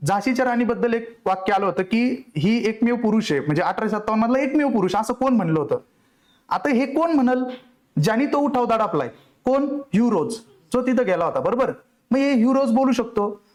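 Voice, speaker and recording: A man's voice: extremely high pitch, lively intonation, a little fast, darkish tone. A young man, giving an earnest, conversational motivational talk to exam students and asking them rhetorical questions. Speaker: exam coaching mentor.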